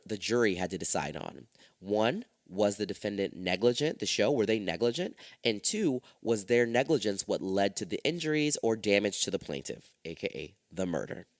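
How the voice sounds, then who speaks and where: A male podcast host talks through a true-crime case in a loose, profane storytelling manner. His lowish voice rises and falls with lively swings. He sits close to the microphone in a dry, dead-sounding space. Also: no echo. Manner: profane, animated retelling.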